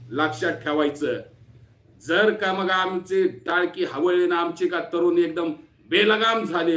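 A man from Maharashtra with a sore throat delivers an angry political warning to camera as an activist. His voice is a little high and somewhat bright, the sound roomy. He comes across fierce, taunting and threatening.

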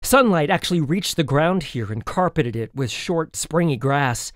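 A man's voice: fairly high pitch, animated, moderate pace, dry recording, studio quality. A man reading a children's novel aloud as an audiobook in the first person, telling the story expressively. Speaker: audiobook narrator.

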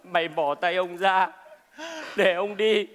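A stubborn old man who answers gruffly in a high voice. The stage adds a long hall reverb. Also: fairly even intonation, slow, fairly bright tone. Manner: gruff and curt. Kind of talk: stage comedy sketch acting.

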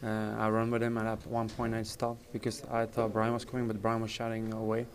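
After the game, a man in his thirties who captains a soccer team talks to the press in a fairly low voice, measured but halting, with repeated words. Reporters keep handheld mics and phones close. The indoor press area, with its sponsor backdrop, is packed and noisy with crowd chatter.

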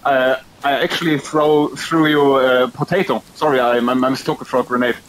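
Man, German accent, medium pitch, casual online game chat, hesitant, joking. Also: steady tone, a little fast, fairly bright tone, rough recording.

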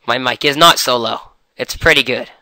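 A young man with a cold, chatting excitedly through a game session. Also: medium pitch, normal speed, no echo. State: has a cold. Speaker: gamer. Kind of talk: casual game commentary.

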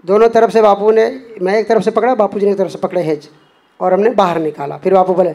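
A man's voice: sits high, fairly even intonation, quick pace, vocal fry, a little mellow. A man giving an earnest spoken testimony as a devotee, acting out the dialogue he quotes. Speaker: devotee sharing a personal experience.

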